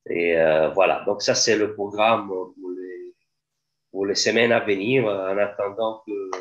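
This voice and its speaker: A man's voice: fairly low pitch, fairly even intonation, measured pace. Man with muffled call audio. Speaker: guest, sound engineer. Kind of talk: casual chat over video call.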